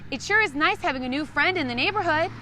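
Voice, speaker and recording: A woman's voice: high-pitched, animated, quick pace, sharp tone, slight background noise, voice pushed up. A woman voicing an earnest, emphatic young boy in a children's storybook, eager to look out for his friend.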